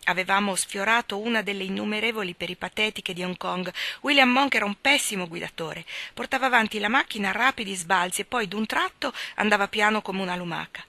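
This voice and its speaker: A woman reading a novel aloud in a measured, expressive style. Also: mid-range voice, no echo. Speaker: reader. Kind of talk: audiobook reading.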